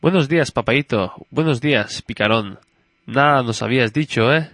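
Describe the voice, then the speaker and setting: A man's voice: medium pitch, normal speed, fairly bright tone, dry recording. A man reading a story aloud and voicing a curious, chatty little girl who keeps questioning her father. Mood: innocent curious.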